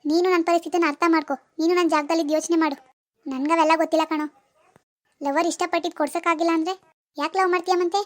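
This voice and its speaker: A proud, demanding young village woman in a cartoon, voiced by a woman. She speaks in a very high, rapid voice, scolding and sarcastic. Her tone stays sharp and dismissive. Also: flat delivery. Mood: scornful. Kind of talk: cartoon dialogue voice acting.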